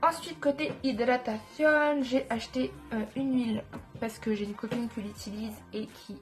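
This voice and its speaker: A woman with a fairly high voice talks casually to her viewers like a beauty vlogger. Her nose is stuffy, giving the words a nasal, blocked-up sound. She is informal and keen, rephrasing herself as she goes, with music behind her. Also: steady tone, normal speed. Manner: informal, enthusiastic about products, self-correcting. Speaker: beauty vlogger presenting skincare products.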